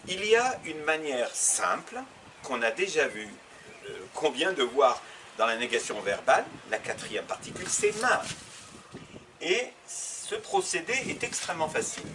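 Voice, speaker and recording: A man's voice: on the high side, sing-song, a little slow. A man teaching a grammar lesson, asking questions and answering them himself, repeating examples. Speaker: Arabic teacher. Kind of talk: classroom lesson explaining grammar. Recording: slightly distant mic, faint background noise.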